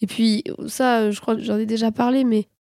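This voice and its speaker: A woman with a stuffed-up nose talks casually as a podcast co-host. Her voice is fairly high and mellow, clearly nasal with congestion, and recorded dry and close. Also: flat delivery, moderate pace, no room sound.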